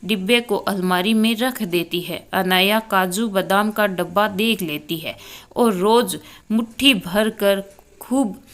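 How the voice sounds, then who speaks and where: Slow, calm woman narrating a story. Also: mid-range voice. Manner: unhurried storytelling delivery, voicing each character by name cue. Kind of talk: scripted narration of a family story, reading all parts.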